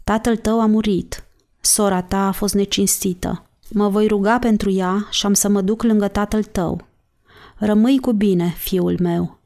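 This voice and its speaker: A woman's voice: mid-range voice, fairly even intonation, warm tone, lightly acted. A woman reading the lines of a frail grieving mother who speaks faintly, almost in a whisper. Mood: faint sorrowful.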